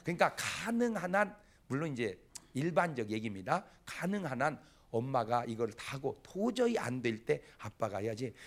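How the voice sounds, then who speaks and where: A middle-aged male pastor giving a sermon in a folksy, animated way, acting out bits of dialogue. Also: medium pitch.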